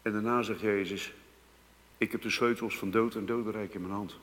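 Dutch-speaking preacher in a reverberant hall. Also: male voice, fairly low pitch, fairly even intonation, moderate pace. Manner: dramatic swings between hushed and loud emphasis. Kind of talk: sermon. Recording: long reverb of a church hall.

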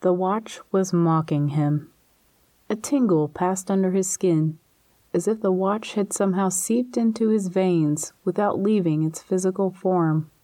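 A woman reads a spooky story in a measured, suspenseful way. Her voice is low and warm, recorded close and dry with no room sound. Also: no room sound. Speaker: narrator. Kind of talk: scripted audiobook narration.

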